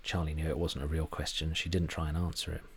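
A man's voice: very deep voice, flat delivery, fast talker, a bit bright, slightly rough. A man narrating a story in a dry, wry manner.

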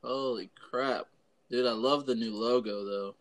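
A man's voice: medium pitch, fairly even intonation, a little slow. A man bantering casually and crudely on a podcast, in an untreated room that sounds like the inside of a fishbowl. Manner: crude, profane. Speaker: podcast guest or co-host. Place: echoey room, not soundproofed. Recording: echoey fishbowl-like room, crowd-like noise behind.

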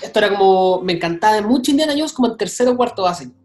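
Chilean man, young, rapid slangy storyteller, echoey room. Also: high-pitched, lively intonation, darkish tone, soft background music. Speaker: guest, content creator. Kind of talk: casual interview chat.

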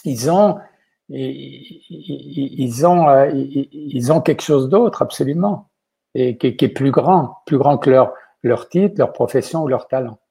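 A man's voice: medium pitch, a little slow, gravelly, dark tone, breathy edge. An older man with a Quebec French accent, a chef speaking as an interview guest in a rambling way, often adding "ok?". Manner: rambling, tags sentences with "ok?". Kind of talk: casual interview talk.

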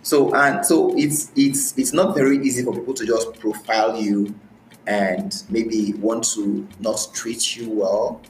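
Speaking unhurriedly in a voice on the low side with fairly even intonation, a man from Nigeria shares his experiences as a podcast guest, repeating phrases to stress them. He has a Nigerian accent. There's a roomy echo, faint music, and a little hiss or hum.

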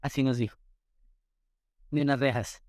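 A man from Colombia, a guest recounting his story in an interview with animated retelling and quoted dialogue. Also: medium pitch, normal speed, dry recording, studio quality. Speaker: entrepreneur guest.

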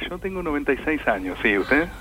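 A man's voice: on the high side, big pitch swings, fast talker, sharp tone. A man voicing a cheerful, courteous 96-year-old party loyalist with an Argentine accent. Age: older. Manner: chatty, amused, courteous.

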